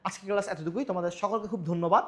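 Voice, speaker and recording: Male grammar teacher, high voice, self-quizzing and repetitive, coughs at times. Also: racing, a bit bright. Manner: asks questions and answers them himself, repetitive. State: coughing now and then. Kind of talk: grammar lesson.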